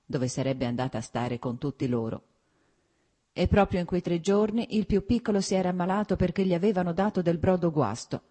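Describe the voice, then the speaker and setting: Low, husky-voiced woman reading a novel. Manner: expressive, measured reading. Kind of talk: audiobook narration of a classic novel.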